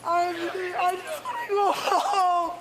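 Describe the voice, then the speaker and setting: Very high-pitched woman pleading desperately, noisy recording. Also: wildly swooping pitch, slow. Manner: repetitive, imploring. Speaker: detained airline passenger. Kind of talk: distressed pleading. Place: busy airport. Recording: noisy body camera audio in public.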